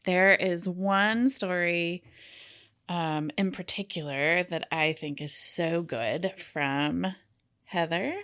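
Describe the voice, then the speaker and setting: A woman's voice: fairly low pitch, slow pace, a bit bright. A woman in her forties co-hosting a podcast, enthusiastic in casual chat. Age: 40s. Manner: enthusiastic, laughs often. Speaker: podcast co-host.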